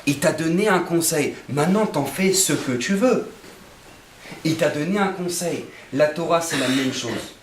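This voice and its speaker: A male rabbi giving a lively sermon that swings between shouting and quiet, heard from a distance in an echoey hall. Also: fairly high pitch, measured pace, slight background noise. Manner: animated preaching, swinging between shouts and hushed tones.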